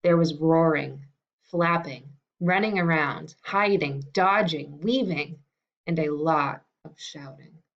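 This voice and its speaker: A woman teacher reads a picture book aloud to her class in a friendly, unhurried way, with a few fillers when she talks. Her voice sits a bit low, and the recording is dull and lo-fi.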